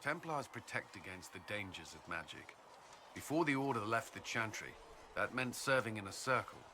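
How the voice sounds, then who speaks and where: Voicing a dutiful fantasy-game commander, this actor speaks in a fairly low, animated, pushed and bright voice over a slight hiss or hum. His tone is measured and earnest, and he grows hesitant and halting when flustered.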